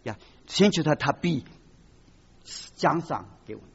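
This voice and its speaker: A man preaching a sermon with animated delivery, acting out short quoted voices and slipping in English words. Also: on the high side, a little slow, husky, big-room sound. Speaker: pastor. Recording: dull lo-fi recording.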